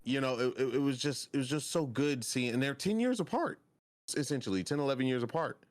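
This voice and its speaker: Animated young man gushing in casual chat. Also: mid-range voice, brisk, no room sound. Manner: excitable, gushing, trails off mid-sentence. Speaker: podcast co-host.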